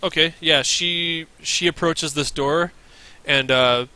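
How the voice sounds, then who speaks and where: A man running a tabletop game as dungeon master, with a bright, forceful voice pitched a little high. He narrates haltingly, restarting phrases and breaking into laughter. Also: clean tone.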